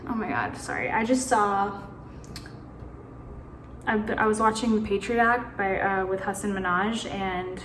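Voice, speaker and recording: A woman's voice: medium pitch, animated, measured pace, long pauses, fairly bright tone, reverberant, a little hiss or hum. A woman vlogging casually on a phone camera, anxious and rambling, swearing now and then. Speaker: beauty vlogger. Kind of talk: casual chat.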